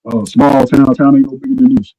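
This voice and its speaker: Man, late 40s, co-host, mellow warm tone, dry sound, emphatic storyteller. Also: mid-range voice, level tone, fairly quick, no room sound, poor audio. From Arkansas, USA. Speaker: podcast co-host. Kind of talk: casual chat.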